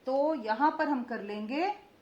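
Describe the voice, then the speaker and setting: A young woman teaching children Hindi vowel marks, drawing out each word slowly and asking call-and-response questions. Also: high voice, a little mellow, reverberant. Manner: slow, drawn-out pronunciation of each word, stressing vowel length; frequent "ठीक है" check-ins and call-and-response questions. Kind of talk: children's Hindi phonics lesson. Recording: slightly dull lo-fi recording.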